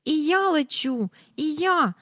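A woman voicing an excited little girl who squeals high with delight. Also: takes it slowly, no echo, exaggerated voice. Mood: thrilled.

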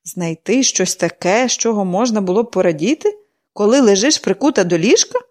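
A woman's voice: on the high side, big pitch swings, brisk, darkish tone. Brief: cranky sick older woman, complaining tone, voiced by a female reader. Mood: irritable. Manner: peevish, grumbling. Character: irritable bedridden older woman.

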